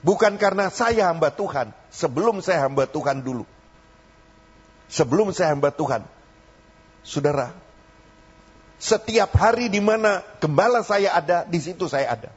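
A man's voice: on the high side, lively intonation, moderate pace, long pauses, husky. An older man with a Javanese accent, preaching a folksy sermon as pastor that rises into fervent exhortation. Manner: folksy, mixing in local dialect, rising to preaching fervor. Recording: dull lo-fi recording, faint hum.

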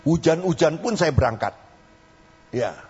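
A man's voice: on the high side, lively intonation, measured pace, a little mellow, slightly rough. An older man with a Javanese accent, preaching a folksy sermon as pastor that rises into fervent exhortation. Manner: folksy, mixing in local dialect, rising to preaching fervor. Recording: dull lo-fi recording, faint hum.

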